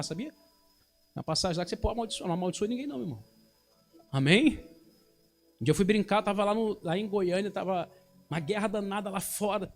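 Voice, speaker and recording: A high-pitched Brazilian man preaching over soft background music. He tells stories, rising to loud proclamations and then dropping to quiet asides. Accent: Brazilian Portuguese. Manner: swings from booming to hushed, storytelling. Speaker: bishop preaching. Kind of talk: sermon with anecdotes.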